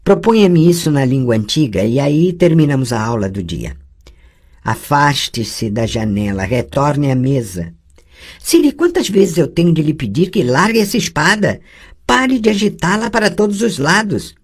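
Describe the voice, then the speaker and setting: An audiobook reader voicing a patient adult sorceress who teaches a girl, calm and gently correcting, with a lively, wide-ranging delivery. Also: medium pitch, normal speed. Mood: instructive. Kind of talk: audiobook dialogue reading.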